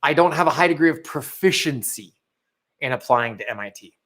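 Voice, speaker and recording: Reading viewers' chat with eager energy, a young co-host of a live motivational stream talks casually. He sounds animated, with a slightly high, somewhat bright voice at a fairly quick pace.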